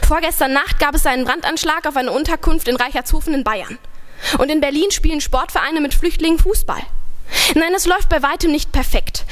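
Speaking into a stand mic on a big, darkened stage, a young woman whose voice sits high gives a spoken word performance at a poetry slam. After a hesitant, conversational start, she reads her piece with earnest irony.

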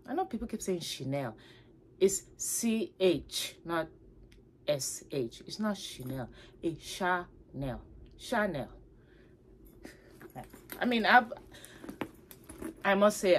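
A woman vlogging from her home, chatting casually to camera about her handbags in an animated, playful way. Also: lowish voice, slight background noise. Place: her home, upstairs room.

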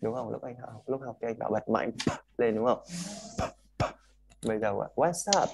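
A man's voice: on the low side, flat delivery, normal speed, creaky, a little mellow, a little hiss or hum. Vietnamese man drilling English sounds. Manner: corrects sounds by modelling words over and over. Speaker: English pronunciation teacher. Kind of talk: one-on-one English pronunciation lesson.

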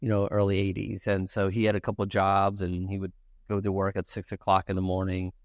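Brisk and monotone, a low-pitched male voice belongs to a Ukrainian podcast guest in his forties who grew up speaking Russian. He answers earnestly in a casual interview held in a bright office with lounge seating. The recording is dry and studio quality.

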